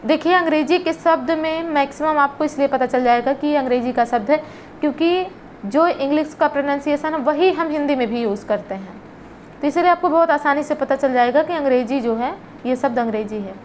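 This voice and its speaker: A woman's voice: sits high, slight background noise. A woman teaching an exam-prep lesson, reading long lists of words with short explanations in between. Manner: reads word lists slowly, with short explanations.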